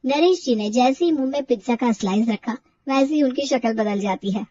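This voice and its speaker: A woman narrating a storybook cartoon with lively, animated delivery. Her voice sits high, and the recording is dry, dull and slightly off-mic. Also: fairly quick, no echo, distant mic.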